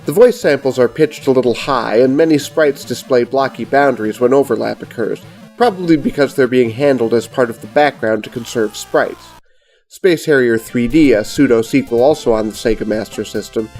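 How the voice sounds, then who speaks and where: A middle-aged man, giving scripted, measured and precise review narration as host of a retro gaming show. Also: medium pitch, darkish tone, faint music behind, rough recording.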